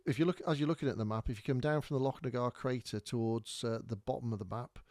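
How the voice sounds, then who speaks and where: A podcast host from North Wales tells a rambling, casual story while pointing things out on maps, chatting with lots of fillers and restarts. His medium-pitched voice is quick and a little mellow, captured with clean, echo-free studio sound.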